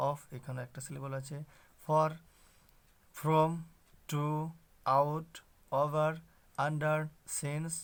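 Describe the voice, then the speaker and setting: Gravelly male teacher explaining grammar. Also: fairly high pitch, fairly bright tone. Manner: explains slowly with rhetorical questions to students. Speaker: English teacher. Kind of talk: classroom grammar lesson.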